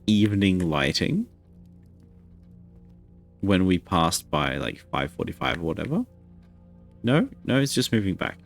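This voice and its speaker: A man streaming a video game live, chatting casually and rambling to his viewers. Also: low-pitched. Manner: rambling, chatty, self-deprecating.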